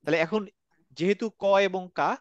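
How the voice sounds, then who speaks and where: A man teaching an online class in a fairly high, dry, close voice. He is patient and models each sound slowly so that students can repeat it. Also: no room sound, dull audio. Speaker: Quran reading teacher.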